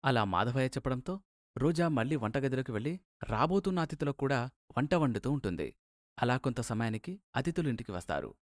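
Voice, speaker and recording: A man giving scripted narration for a cartoon moral story, steady and plain. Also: mid-range voice, a little fast, no room sound, studio quality.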